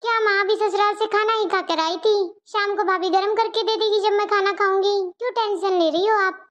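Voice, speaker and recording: A woman's voice: very high voice, steady tone, a little fast, a bit bright. A woman voicing a cheerful young woman visiting her parents in a cartoon story, breezy and reassuring. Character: cheerful young sister-in-law visiting home. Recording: dull lo-fi audio.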